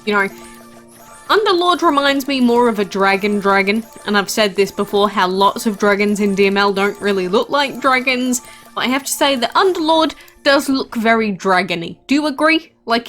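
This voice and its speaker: A woman's voice: fairly high pitch, a bit bright. A woman hosting a casual gameplay commentary, chatting about her game with frequent asides and fillers. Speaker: game channel host.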